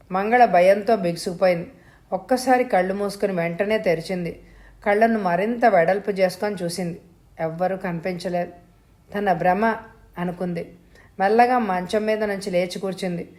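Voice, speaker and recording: Woman telling a spooky thriller story, slow and measured, builds tension line by line, mid-pitched voice. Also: a little mellow. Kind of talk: scripted suspense narration.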